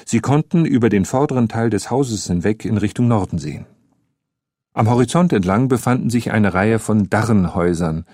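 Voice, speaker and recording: A man narrating a story with a steady, measured reading on a close studio mic. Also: lowish voice, no echo. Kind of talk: scripted narration.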